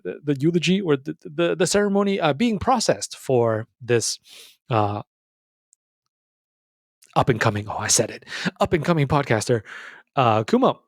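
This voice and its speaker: A man's voice: fairly high pitch, animated, vocal fry, no room sound, clean studio sound. A man voicing a mock-serious male TV news anchor who stumbles and stalls through his report. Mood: mock-solemn. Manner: stumbling, halting newsreader delivery.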